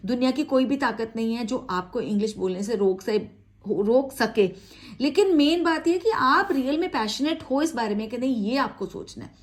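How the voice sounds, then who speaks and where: Casting: female English teacher, high voice, upbeat coaching, slow drilled example phrases. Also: lively intonation. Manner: encouraging, chatty. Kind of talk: spoken English lesson.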